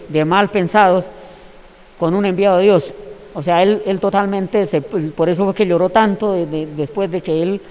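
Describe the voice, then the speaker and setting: A man's voice: sits high, a little mellow, big-room sound. A man telling a long story in an interview, rambling and restarting his words. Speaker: interviewee recounting events.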